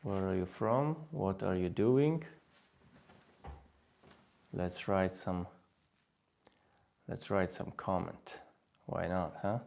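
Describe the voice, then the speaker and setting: A man in his thirties with a Polish accent hosts a language-learning live stream in webinar style, repeating phrases and urging viewers to comment. His voice sits low with vocal fry and a darkish tone, and he speaks slowly, pausing often.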